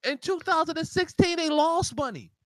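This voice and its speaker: Show host, male, high bouncy voice, animated rant, close dry mic. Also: normal speed, no echo, rough recording. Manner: animated ranting with laughs and repeated restarts. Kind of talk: live talk show monologue.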